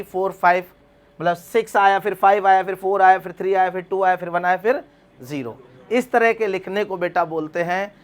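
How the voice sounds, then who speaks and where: A man teaching a math class, asking his students questions and then answering them himself. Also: high voice. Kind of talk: classroom lecture.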